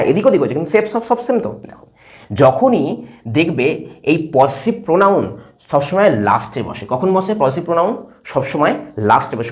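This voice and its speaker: A man teaching English grammar at a whiteboard, explaining step by step and checking again and again that his students follow. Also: a little high. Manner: lively, asks checking questions again and again. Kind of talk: classroom lesson at a whiteboard.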